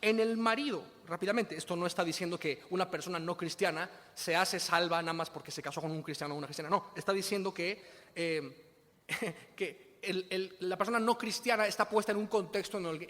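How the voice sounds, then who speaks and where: A man's voice: sits high, brisk, fairly bright tone, in a large hall. A man with a Mexican Spanish accent preaching a sermon in a conversational way, often asking rhetorical questions.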